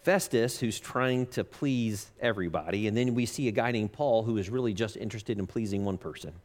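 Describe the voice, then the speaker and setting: A man preaching a sermon at a pulpit microphone, earnest and halting with frequent filler pauses. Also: fairly low pitch, a little mellow. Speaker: pastor. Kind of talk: sermon with scripture reading.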